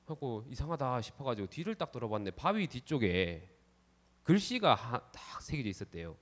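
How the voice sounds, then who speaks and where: A man's voice: medium pitch, normal speed. A man, a Buddhist monk, telling a story during a sermon and acting out the people in it. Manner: lively storyteller, acts out the characters in the tale. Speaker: Buddhist monk giving a dharma talk.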